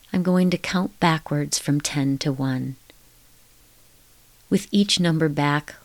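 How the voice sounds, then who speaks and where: In a deep voice, a woman leads a guided hypnotic relaxation, counting down slowly in a soothing, hushed way. Her phrasing is repetitive and lulling, and the recording is dry.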